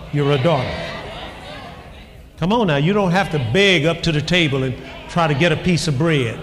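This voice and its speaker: A man preaching a sermon, calling out to the congregation and shouting lines for emphasis. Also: on the high side, a little hiss or hum. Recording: long hall reverb, faint ambience.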